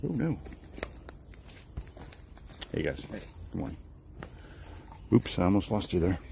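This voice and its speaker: Out on a woodland walk, a male livestreamer with a deep, gravelly voice talks slowly to his viewers, his pitch swinging widely. His chat is rambling and repetitive, full of restarted phrases, with a faint background of crickets and outdoor nature noise.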